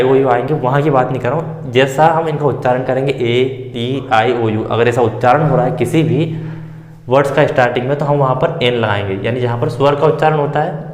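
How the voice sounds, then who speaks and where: A man teaching an English grammar lesson in Hindi, explaining step by step and answering his own questions. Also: mid-range voice. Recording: roomy echo with long reverb.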